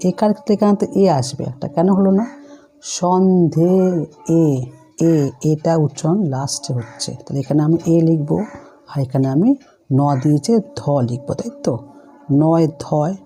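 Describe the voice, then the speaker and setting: A woman's voice: sits low, dark tone, a little hiss or hum. Patient woman teaching children a lesson. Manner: patient, explains step by step with questions to pupils. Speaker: primary school teacher. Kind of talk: online class lesson.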